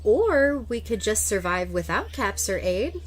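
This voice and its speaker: A woman's voice: medium pitch, very animated, a little slow. A woman acting a wry, pragmatic wasteland survivor in a comic audio drama.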